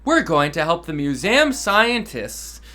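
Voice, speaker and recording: A man's voice: a little high, sing-song, measured pace, bright, forceful tone, exaggerated voice. A man voicing the cheerful, kind friend of a curious monkey in a storybook read-aloud. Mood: excited.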